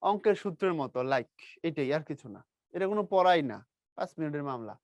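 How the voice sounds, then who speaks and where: Lively, teasing teacher. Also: male voice, a little high, fast, no room sound. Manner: lively, teasing, quizzes students. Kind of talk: classroom grammar lesson.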